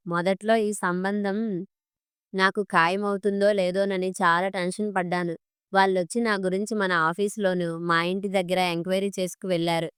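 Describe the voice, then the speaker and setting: A woman's voice: on the low side, clear, resonant tone, dry recording, clean studio sound, close to an everyday voice. Woman reading as a pleased young man. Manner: excited, self-satisfied talk. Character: eager young adult man, money-minded son.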